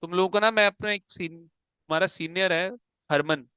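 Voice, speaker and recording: A man lectures in a classroom, his voice high and bright with a crisp, clean edge. He coaxes the students along and keeps asking if they follow. The sound is dry and close. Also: normal speed, no echo. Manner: coaxing, calls students "beta", keeps asking if it is clear. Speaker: accounts teacher.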